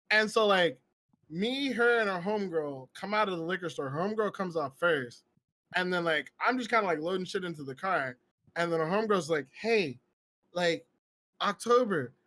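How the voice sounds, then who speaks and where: Bright, high-voiced young man telling stories. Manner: laughs a lot, acts out quoted voices. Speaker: podcast host. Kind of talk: casual storytelling chat.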